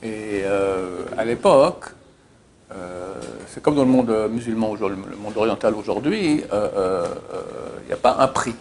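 His voice is on the low side at a normal speed, with a little hiss or hum in the recording. As a Torah teacher in an informal class, he tells anecdotes like an animated storyteller, with emphatic repetitions. He hesitates a lot and often says "euh."

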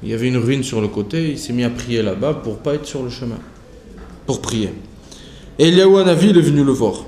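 A man's voice: mid-range voice, lively intonation, brisk, dark tone, a little hiss or hum. A man giving a Talmud study lesson as a religious teacher, explaining phrase by phrase with restarts and rising into a sing-song chant when he quotes the texts. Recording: echoey room with faint ambience.

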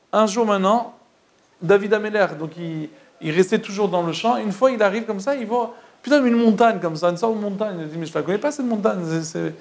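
A man casually retelling religious stories to listeners, halting and repeating words as he goes, often checking that they follow. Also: high-pitched, creaky. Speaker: storyteller.

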